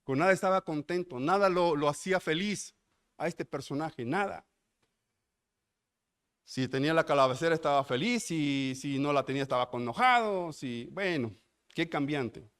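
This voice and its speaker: A man's voice: a little high, normal speed, fairly bright tone, clear, resonant tone. A man with a Mexican accent preaching a sermon, emphatic and full of rhetorical questions to the congregation. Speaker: pastor.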